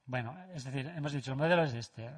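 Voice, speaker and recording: Male lecturer, mid pitch, measured delivery with many pauses and filler sounds. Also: breathy edge. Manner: measured, with frequent hesitations. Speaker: lecturer presenting a paper. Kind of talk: academic presentation.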